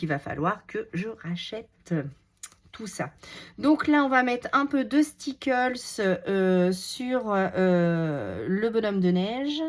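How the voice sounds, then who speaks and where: A woman's voice: lowish voice, a little mellow. A woman with a cold chatting casually through a craft tutorial, muttering self-deprecating asides to herself as she works. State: has a cold. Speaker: scrapbooking crafter demonstrating a page. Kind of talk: casual craft tutorial, talking while working.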